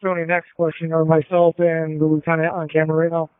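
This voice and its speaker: A man in a brisk police radio exchange over a narrowband two-way radio. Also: a little high, monotone, slight background noise. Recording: narrowband scanner radio feed.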